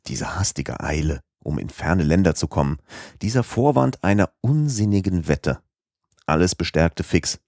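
A man with a very deep voice reads an old classic novel aloud. His delivery is measured and literary, and the recording is close and dry with no room sound. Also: darkish tone, no room sound. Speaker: audiobook reader. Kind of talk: scripted narration.

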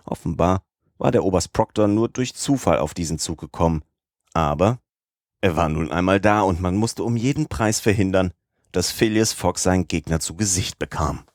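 A man reading a novel aloud as an audiobook narrator, in a measured, even delivery. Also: sits low, no echo, clean studio sound. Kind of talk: scripted narration.

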